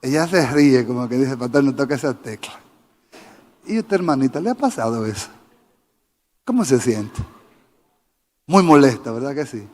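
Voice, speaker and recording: A man's voice: medium pitch, animated, moderate pace, pauses often, darkish tone. A male pastor preaching a sermon, fervent and often questioning the congregation directly. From Dominican Republic. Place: church sanctuary. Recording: church hall with long reverb.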